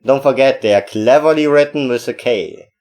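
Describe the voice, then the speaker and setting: Crude joking Finnish podcast host. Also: male voice, mid-range voice, normal speed, a little mellow. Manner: crude, joking, lists plugs in a sing-song. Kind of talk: casual podcast banter.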